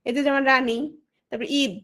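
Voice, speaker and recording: High-pitched woman teacher, keeps quizzing the class then answering herself, calls students by name. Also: little pitch movement, a little fast, a bit bright. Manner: asks questions and answers them herself. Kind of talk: online exam-prep lesson.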